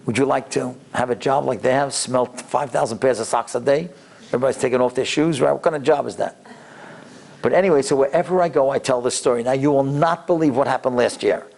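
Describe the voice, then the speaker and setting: A man's voice: medium pitch, fast, gravelly, a little mellow. A man giving an anecdotal, inspirational religious lecture as a rabbi, acting out dialogue and repeating words for emphasis.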